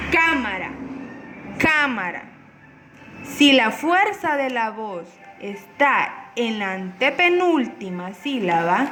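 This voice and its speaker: Slow, deliberate woman teaching. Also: a little high. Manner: slow, stresses and repeats syllables. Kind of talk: spoken grammar lesson. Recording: echoey room with noise.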